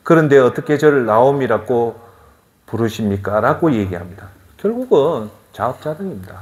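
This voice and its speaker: A middle-aged man with a Gyeongsang accent preaching a sermon, firing off rhetorical questions in an animated way. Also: on the low side. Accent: Gyeongsang Korean. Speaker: pastor.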